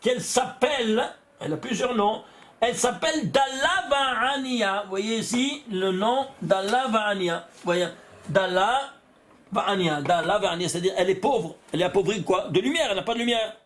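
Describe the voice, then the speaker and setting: A man's voice: high-pitched, normal speed, a bit bright. An older man, a rabbi teaching a Torah lesson with number counts. He keeps asking the class questions and answering them himself, and he often restarts his phrases. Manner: repeats words and restarts phrases.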